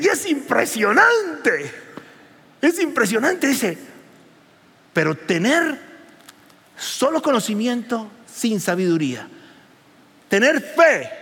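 A man preaching a sermon as pastor, animated and rising to near shouts. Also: sits high, gravelly, husky, big-room sound.

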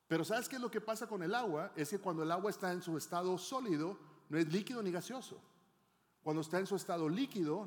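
A middle-aged male pastor preaching a teaching sermon, often asking the congregation questions. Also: high-pitched. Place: church hall. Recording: long hall reverb.

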